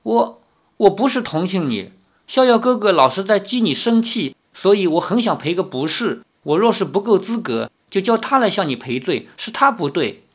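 A man doing a sweet gentle sixteen-year-old girl. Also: high voice, very animated, normal speed, voice pushed up, exaggerated voice. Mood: gentle, coaxing. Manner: soft, coaxing, gently pleading.

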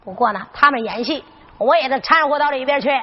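A woman narrating a traditional Henan zhuizi folk story in a lively spoken-sung manner. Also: high voice, quick pace, slightly rough. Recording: dull lo-fi recording.

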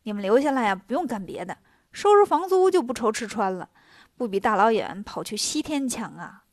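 A woman's voice: on the high side, very animated, brisk, dry recording, studio quality. A woman voicing a rich, pushy widow in her forties who coaxes and boasts about her wealth. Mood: coaxing. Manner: coaxing, boastful.

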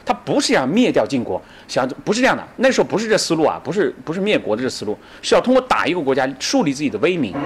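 A middle-aged man giving a lively storytelling lecture on ancient history, acting out quoted speech and often asking the audience to agree. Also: fairly high pitch, husky. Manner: animated, acts out quoted speech, many fillers like "对吧".

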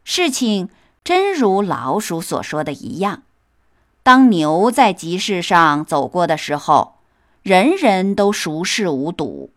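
A woman telling a children's fairy tale at an unhurried pace. Her pitch sits low but swings widely as she reads. Her reading stays gentle and expressive throughout. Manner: slow, expressive storytelling. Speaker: storyteller.

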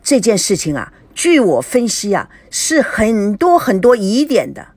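A woman's voice: mid-range voice, very animated, a little slow, darkish tone, no room sound. A woman voicing an eager female fan-club member who chatters through her amateur sleuthing in a story reading.

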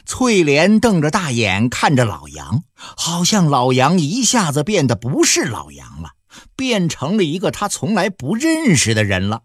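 A man narrating a novel in a folksy storytelling manner with drawn-out fillers. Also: on the high side, huge pitch swings, breathy edge, dry recording, clean studio sound. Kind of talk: audiobook storytelling.

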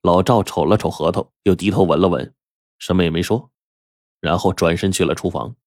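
A man telling a traditional story in a lively, animated storyteller manner. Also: low-pitched, fairly quick, dry recording, studio quality. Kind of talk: oral storytelling.

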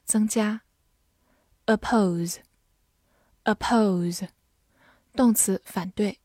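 A woman teaching English vocabulary, saying each word twice and then listing its meanings in a measured, drilling way. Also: medium pitch, a little mellow, dry recording, clean studio sound.

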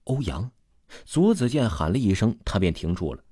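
A man narrating a suspense story aloud in a lively storytelling way. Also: on the low side, slightly rough, no echo, clean studio sound. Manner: lively storytelling, drawn-out particles.

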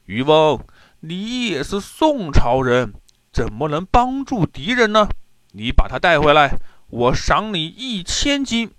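A man's voice: on the high side, very animated, takes it slowly, fairly bright tone, dry recording, voice pushed up, exaggerated voice. A man voicing a firm, commanding general who tries to persuade, in a children's story telling.

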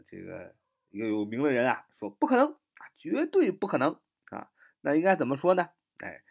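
A man teaching spoken English in Chinese, repeating phrases slowly, spelling words out letter by letter and acting out exclamations. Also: mid-range voice. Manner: animated, acts out exclamations.

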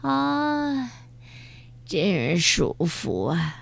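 A woman's voice: fairly low pitch, sing-song, very slow, creaky, heavily acted. A woman voicing a greedy, whimpering little female beetle in a children's story. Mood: content. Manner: whimpering, plaintive.

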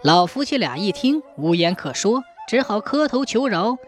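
Expressive woman telling a folk tale. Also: mid-range voice, normal speed, soft background music. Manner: lively, expressive storytelling. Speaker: storyteller. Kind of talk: scripted folk tale narration.

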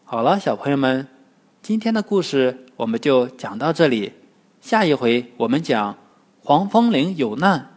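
A man narrating a classic tale for children in an expressive storytelling manner. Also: medium pitch, normal speed. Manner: lively, expressive. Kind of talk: scripted narration.

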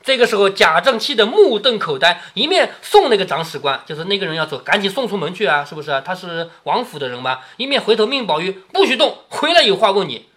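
A man reads a classic novel to his daughter, stopping often to explain it in a casual, chatty way. His voice is bright and animated, with a wide pitch range. He keeps checking in with his listener as he goes. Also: fast talker, few pauses. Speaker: father reading to his daughter. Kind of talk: storytelling reading with commentary.

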